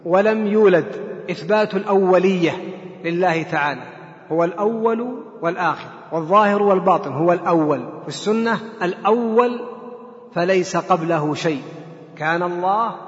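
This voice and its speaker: A man's voice: high-pitched, moderate pace. A man teaching scripture in a lecture, explaining points step by step and posing questions to his listeners before answering them. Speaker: Quran teacher. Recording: echoey hall, dull lo-fi sound.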